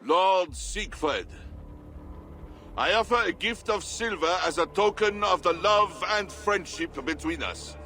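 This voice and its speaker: A pompous medieval king for a game: higher voice, unhurried, ceremonious, clear score behind. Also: expressive, bright, forceful tone, soft background music, full character voice. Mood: stately. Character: regal, ingratiating Frankish king. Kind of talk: cinematic game dialogue.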